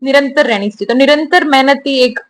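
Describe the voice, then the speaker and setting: A young woman, a new army officer, giving steady, earnest answers in an interview. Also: high-pitched, brisk, slight background noise. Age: young adult.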